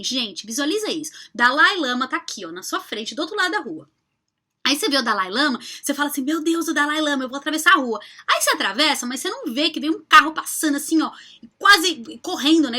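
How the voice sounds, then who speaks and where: A high, bright woman therapist talking straight to her viewers in a casual vlog. Her pitch swings widely as she drives her points home with rhetorical questions. She keeps calling her audience affectionate pet names. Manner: affectionate, addresses viewers as "amores".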